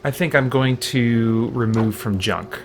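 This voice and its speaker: A middle-aged game streamer gives casual commentary in a medium-pitched, unhurried voice. He thinks out loud hesitantly, musing and muttering to himself as he plays.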